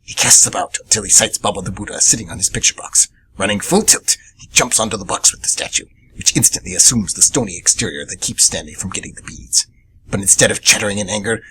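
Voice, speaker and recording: A man with a lowish voice speaks briskly in a pushed, bright tone, on a low-quality recording with slight background noise. Performing radio theatre, he narrates with grave drama as a vengeful, obsessed little monkey demon hunter. His mood is brooding and vengeful.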